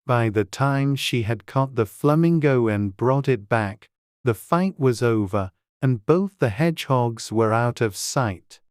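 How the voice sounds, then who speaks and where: A man gives a measured, scripted storybook narration. His voice is smooth and resonant at a medium pitch, with crisp enunciation. The recording is very dry. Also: animated, darkish tone, dry recording. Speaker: audiobook narrator.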